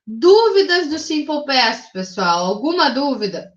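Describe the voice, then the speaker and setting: This English teacher, a high-pitched woman with a Brazilian Portuguese accent, takes her class through grammar rules step by step, very animated yet unhurried. She is patient and methodical, checking in every few phrases with frequent tag questions, and the recording sounds roomy and slightly dull.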